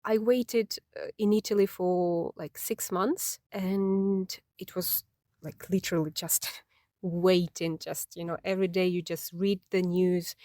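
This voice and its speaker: A woman's voice: on the low side, darkish tone, no echo. Ukrainian woman in her 30s telling her story, thoughtful, lots of ums, dry close sound. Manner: reflective, many fillers and restarts. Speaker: interview guest. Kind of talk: personal storytelling interview.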